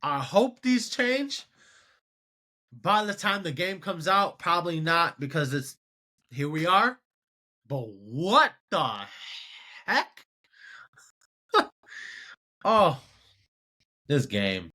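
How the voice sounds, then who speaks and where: A man's voice: on the high side, very animated, takes it slowly, pauses often, sharp tone. A man hosting a casual sports commentary show, rambling and incredulous as he talks to himself. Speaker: show host.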